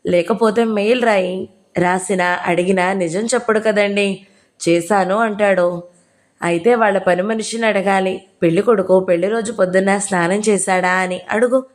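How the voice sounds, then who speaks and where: A woman's voice: mid-range voice, natural voice. Woman reading a teasing older woman writer. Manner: teasing, scolding.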